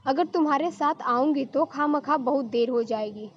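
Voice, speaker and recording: A woman voicing a busy, brisk young wife who brushes off worries in a told story. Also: sits high, lo-fi sound, slight background noise, close to an everyday voice. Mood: offhand.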